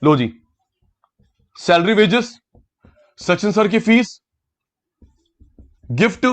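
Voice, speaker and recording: High-voiced man teaching a lively class. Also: extremely slow. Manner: quizzes students by name, repeats key words; mixes English terms into Hindi. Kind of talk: online class lecture.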